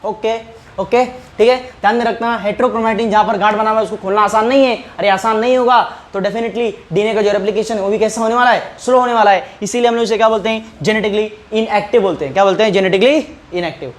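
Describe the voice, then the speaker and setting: A man's voice: high voice, steady tone, fast talker. A male teacher giving an online class lecture. He asks questions, answers them himself, repeats key terms and keeps checking whether the class has understood. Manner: checks understanding often with rhetorical prompts. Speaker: biology teacher.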